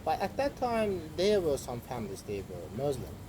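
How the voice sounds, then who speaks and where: A man with an Azerbaijani accent talking as a podcast guest, halting and repeating words for emphasis in a conversational way. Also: on the high side, wildly swooping pitch. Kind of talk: conversational interview storytelling. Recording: clear background vehicle-like noise.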